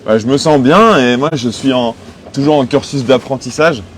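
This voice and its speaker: Interviewed aboard a sailing boat moored in port, this twenty-five-year-old skipper from Cholet, in western France, replies in a relaxed, conversational way. His voice sits in the mid-range and moves at a normal speed, with noticeable noise around him.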